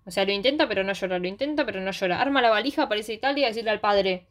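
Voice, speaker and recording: A young woman with a Rioplatense Spanish accent, recapping a series in casual chat with quick, slangy storytelling. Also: mid-range voice. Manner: fast slangy storytelling, acts out characters' lines.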